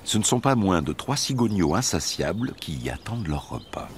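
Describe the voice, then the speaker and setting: A man with a low-pitched voice narrates a nature documentary. His scripted delivery is measured and tells a story, with lively, wide-moving intonation. Faint birdsong and outdoor ambience sit behind him. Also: a little hiss or hum.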